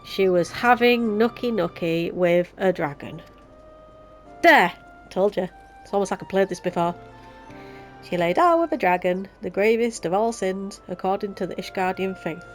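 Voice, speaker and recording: A young woman with a Yorkshire accent, speaking at a medium pitch and moderate pace, hosts a let's play and chats casually over soft background music. Her voice sounds blocked and nasal, and she mocks herself and laughs often while commenting on the game.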